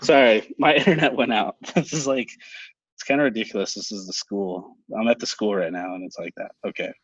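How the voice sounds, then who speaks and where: A man's voice: fairly low pitch, steady tone, brisk, no echo. A man teaching an online class from a school over a bad internet connection, rambling with many fillers. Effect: bad internet connection on a video call. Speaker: trainer. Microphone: computer mic on video call. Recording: dull, dry, lo-fi call audio.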